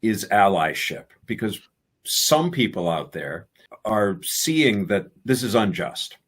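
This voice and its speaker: A man moderating a festival Q&A, asking his questions in an animated way. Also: lowish voice, slow pace. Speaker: panel moderator.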